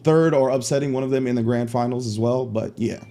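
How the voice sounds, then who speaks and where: Male co-caster, rapid analytical delivery, dark mellow tone, faint music behind. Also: medium pitch. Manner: analytical, rapid-fire breakdowns. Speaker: esports co-commentator. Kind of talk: tournament commentary.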